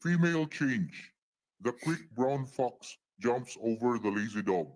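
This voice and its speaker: A man reading a test sentence through a voice changer that shifts his pitch up and down. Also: expressive, a little slow, darkish tone. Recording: distant roomy voice with long reverb.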